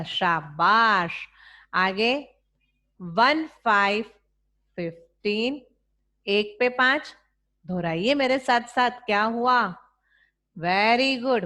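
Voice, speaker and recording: An Indian woman leads a children's class at a gentle crawl, stretching each number out and pausing for pupils to repeat after her. Her voice sits in an ordinary middle pitch, patient and deliberate. She sounds like a schoolteacher recording an online lesson. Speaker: teacher.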